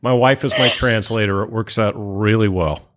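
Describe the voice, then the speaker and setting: A man's voice: lowish voice, normal speed, fairly bright tone. A man with a Californian accent hosting a casual interview, often repeating his phrases in a joking way. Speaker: podcast host, interviewer.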